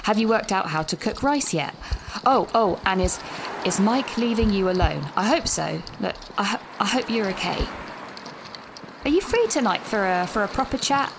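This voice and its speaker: Against background noise, an actress speaks at normal speed in a mid-range voice with lively intonation and some vocal fry. Her character is a young, anxious British university student who chatters breathlessly while walking outside and recording a voice message. The audio drama note rambles nervously, with frequent self-interruptions.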